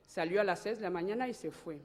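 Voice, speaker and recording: A woman's voice: medium pitch, a little mellow. Fervent woman. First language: French. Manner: emotional, fervent, halting at times. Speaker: church member giving testimony. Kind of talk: spoken church testimony. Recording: long hall reverb.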